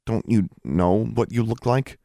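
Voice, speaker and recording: Man doing a young girl witch, earnest and a bit breathless, lifted pitch, dry close sound. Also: a little slow, vocal fry, mellow, dry recording. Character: Alexandra, a brave, nervous schoolgirl witch. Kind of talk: audiobook character voice.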